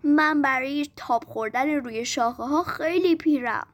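A woman voicing a needy boy who grows into a tired old man, in a storybook reading, in a plain, slightly lowered voice. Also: close to an everyday voice. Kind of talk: storybook narration.

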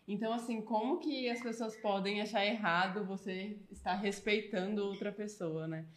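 Mom of a toddler chatting, lively, keeps restarting, lots of room echo. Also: female voice, mid-range voice, moderate pace, slight background noise. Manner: lively, restarts phrases, laughs easily. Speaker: guest, mother of a toddler. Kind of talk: casual conversation. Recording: echoey room.

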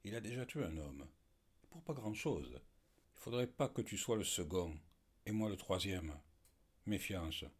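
A man's voice: low voice, expressive, a little slow, pauses often, slightly rough, full character voice. A man voicing a wary, stern old peasant grandfather in a storybook reading. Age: older.

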